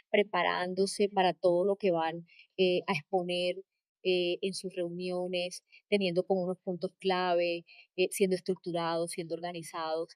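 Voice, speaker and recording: Answering as an interview guest, a woman with a coastal Colombian (costeño) accent from the Caribbean coast shares anecdotes in a lively, emphatic manner, reinforcing ideas with repetition. She works as a corporate trainer and coach. Her mid-range voice comes through with no echo.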